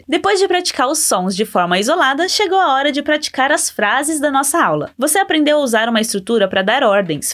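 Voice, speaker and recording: A young adult woman with a Brazilian Portuguese accent, hosting a podcast pronunciation lesson as a Spanish teacher, encouraging the listener and slowly modelling phrases for them to repeat. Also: high-pitched, a bit bright.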